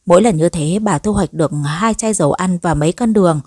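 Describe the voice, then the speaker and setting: A woman narrating a scripted story in an even, measured way. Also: on the low side, no echo, clean studio sound.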